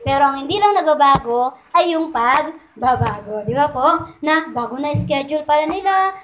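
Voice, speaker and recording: Woman preacher, high voice, conversational Taglish sermon, echoey church room with faint noise. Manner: conversational, asks "di ba po?" often. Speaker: church speaker.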